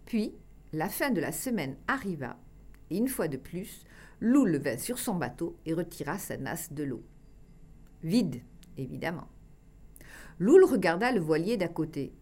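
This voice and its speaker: A woman reading a children's tale aloud, expressive and dropping to a hush for dramatic passages. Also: lowish voice, a little slow, long pauses. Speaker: storyteller.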